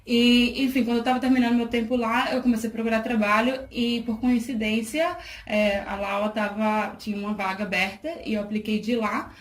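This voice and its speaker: A woman's voice: on the high side, steady tone, a little fast, few pauses. A woman in her thirties from Salvador, Brazil, giving a thoughtful interview with frequent restarts. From Salvador, Bahia, Brazil. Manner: thoughtful, many fillers and restarts, laughs easily. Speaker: guest, charity project worker. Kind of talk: casual interview talk. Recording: echoey room, faint noise.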